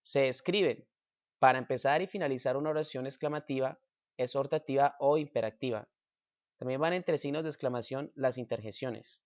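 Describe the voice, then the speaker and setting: A man slowly reading out a punctuation lesson at a middling pitch. The voice is dry and close, with no room sound. He pauses after each point. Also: no room sound. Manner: slow, measured reading with example sentences. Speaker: teacher. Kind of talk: reading a grammar lesson aloud.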